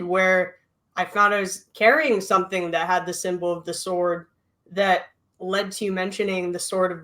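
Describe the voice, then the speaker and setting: A woman joining a live session to ask a question, hesitant and searching for words. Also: lowish voice. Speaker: caller asking a question.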